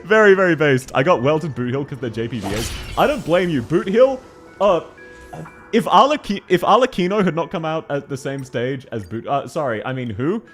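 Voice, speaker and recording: A man's voice: fairly high pitch, animated, a little fast. A man chatting casually on a gaming livestream, answering viewers as he plays in a chatty, giggly way. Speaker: livestreamer playing a game. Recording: game music behind the voice. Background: video game music.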